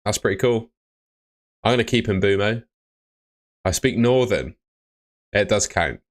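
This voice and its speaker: In an unhurried, low voice, a young man from Bristol chats casually with his fantasy football stream audience. Sitting in a small room indoors, he reads their comments aloud and answers what they ask in chat.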